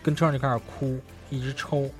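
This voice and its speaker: A man's voice: mid-range voice, brisk, soft background music. A man, co-hosting a podcast and telling stories in casual chat, acting out the people he quotes. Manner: animated storyteller, acts out quoted exchanges. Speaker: podcast co-host.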